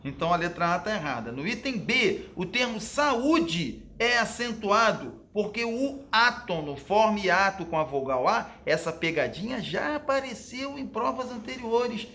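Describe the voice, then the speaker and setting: A man's voice: high voice, very animated, a little slow, hardly any pauses, pushed and bright, a little hiss or hum. A Brazilian man teaching Portuguese, walking through exam questions and patiently explaining them to his students, often checking in with "ok?" and "né?". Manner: fillers like "ok?", "né?" and "ó". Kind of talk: exam question walkthrough lesson.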